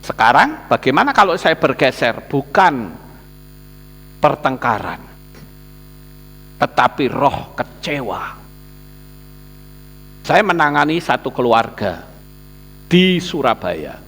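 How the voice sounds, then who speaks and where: Lively Javanese-accented preacher in a hall. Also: male voice, medium pitch, slow, pauses often. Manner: animated storytelling, acts out the people he describes. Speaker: pastor. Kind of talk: storytelling sermon. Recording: long hall reverb.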